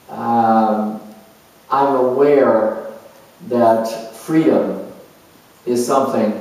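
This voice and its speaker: Speaking as an earnest spiritual seeker, an adventurer who became a motivational broadcaster, this man gives a reflective monologue in a conversational, halting way full of pauses. His voice sits at medium pitch and is a little mellow. It was captured from a distance in an echoey room.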